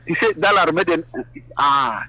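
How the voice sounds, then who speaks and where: A man from eastern Congo talks in an animated interview, his high voice leaping up and down as he presses each point and repeats words for emphasis. The tone is bright and pointed. The sound is thin, as if over a phone line. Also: a little slow, dry recording. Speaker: interview guest. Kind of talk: political interview, casual.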